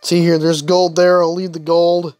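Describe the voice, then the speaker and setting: Here the young man's voice sits on the high side, level and a little mellow, at normal speed with no echo. He narrates his let's-play in a casual, grumbly way, chatting to himself while gaming.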